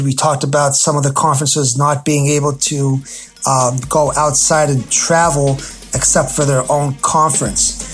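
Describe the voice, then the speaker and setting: Halting male sports radio host. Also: a little high. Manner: halting, hesitant delivery with frequent pauses. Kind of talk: loosely scripted sports talk commentary.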